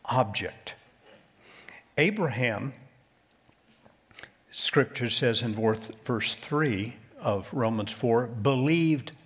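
A male pastor delivers a sermon at an unhurried, measured pace. His voice has a slightly husky, breathy edge. He often sinks to a soft, low near-whisper to stress a point. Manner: slow, deliberate preaching with quiet emphatic drops.

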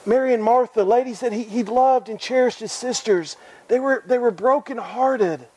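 A man with a high voice preaches an earnest sermon. He repeats his phrases and puts direct questions to his listeners. The sound is dry and close, with no room echo. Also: normal speed, darkish tone.

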